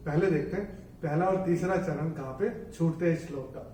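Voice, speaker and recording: A man teaching how to chant verses, explaining each rule in a measured way and then chanting the lines slowly and more loudly. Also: on the high side. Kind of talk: bilingual tutorial on chanting verses. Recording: echoey room, voice from a distance off the mic.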